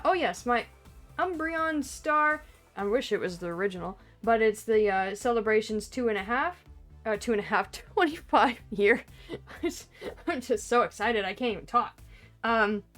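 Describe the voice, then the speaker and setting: Excitable woman gushing over an unboxing. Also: on the high side. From Canada. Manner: excitable, gushing, laughs often, trails off and restarts. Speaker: card collecting vlogger. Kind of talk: off-camera unboxing commentary.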